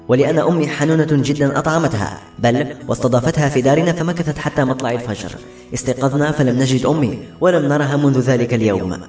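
A man reads a novel aloud at a quick clip, keeping the storytelling steady and brisk. His voice rings in an echoey room, with soft music playing underneath. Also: mid-range voice. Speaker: narrator. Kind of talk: scripted narration.

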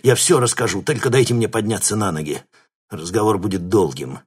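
A man's voice: lowish voice, brisk, breathy edge. A man voicing a fat, cowardly male scientist who whines and panics in an audiobook. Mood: whining. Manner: panicky, whining.

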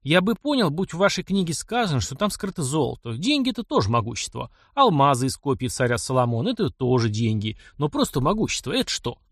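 A man's voice: fairly high pitch, very animated, fast talker, few pauses, dry recording, clean studio sound. A man voicing a practical young mechanic in an audiobook, blunt, wry and stubborn. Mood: measured. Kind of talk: audiobook character reading.

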